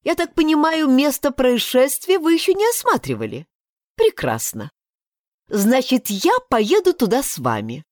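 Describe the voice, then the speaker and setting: A woman voicing a proud, sharp-tongued young woman judge who speaks haughtily and indignantly. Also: high-pitched, sing-song, a little slow, dry recording, clean studio sound, voice pushed up.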